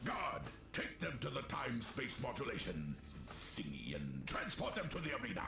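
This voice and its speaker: A gravelly, echoing evil overlord from a cartoon video game, delivers every line with slow theatrical menace. He is pompous and swings wildly in pitch, with loud music behind him. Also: wildly swooping pitch. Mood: gloating menace. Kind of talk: 1990s cartoon-style game acting.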